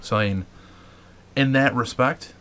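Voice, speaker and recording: With a mid-range, fairly bright voice and a slightly slow pace, this paranormal show host talks viewers through things casually. He stumbles into plenty of fillers and restarts.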